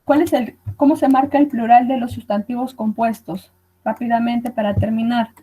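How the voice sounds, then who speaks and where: A woman's voice: a little high, fairly even intonation, moderate pace, mellow, a little hiss or hum, rough recording. A woman teacher gives a recorded online lesson, explaining patiently and checking in with her students as she goes. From Peru.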